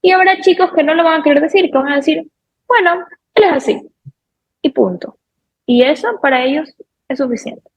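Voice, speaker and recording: A woman's voice: high-pitched, fairly quick, lo-fi sound. A woman on a talk program, patiently explaining with step-by-step examples. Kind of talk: explanatory talk-show conversation.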